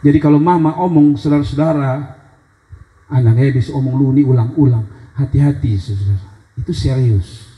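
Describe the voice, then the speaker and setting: A male pastor with a Kupang accent, preaching an animated sermon and acting out scripture scenes. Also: medium pitch, moderate pace, roomy sound, low-quality recording. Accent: Kupang Indonesian. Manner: animated preaching that dramatizes scripture in acted-out voices. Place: church sanctuary.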